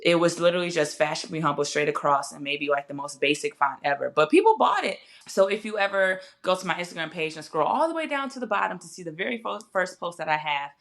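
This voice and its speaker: A woman's voice: lowish voice, expressive, quick pace, vocal fry, few pauses, fairly bright tone. A woman as an interview guest, telling her story in a casual, conversational way, correcting herself and voicing her own thoughts. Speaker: podcast guest, fashion brand founder.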